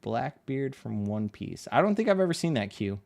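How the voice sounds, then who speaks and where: A man's voice: mid-range voice, big pitch swings, normal speed, creaky, a little mellow. A man streaming his art live, chatting casually and answering viewers' questions in a rambling, laid-back way. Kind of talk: casual live-stream chat while drawing.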